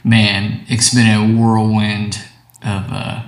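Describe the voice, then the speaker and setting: A man's voice: on the low side, level tone, takes it slowly. A man chatting casually and upbeat as a podcast co-host, his voice echoing around a big empty room. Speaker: wedding and portrait photographer. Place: empty home office.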